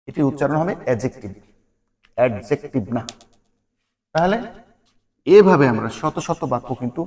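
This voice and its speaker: A male English teacher giving a spoken lesson. His voice sits at an average pitch, and he explains patiently. He repeats each example sentence slowly so learners can follow. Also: a little mellow.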